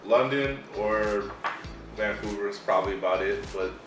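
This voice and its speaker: A man's voice: lowish voice, normal speed. A young man, a rapper, chatting casually, hesitant and slangy, often laughing. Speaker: guest, rapper. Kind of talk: casual chat. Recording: echoey room, mic at a distance, music behind.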